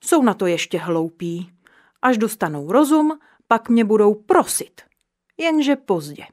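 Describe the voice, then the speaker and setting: A cocky little dwarf boy from a storybook, bragging loudly and bristling at any criticism, as a woman puts him on. His voice leaps up high and goes loud when he insists he's right. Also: expressive, lightly acted. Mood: boastful. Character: boastful stubborn little male dwarf. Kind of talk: storybook reading.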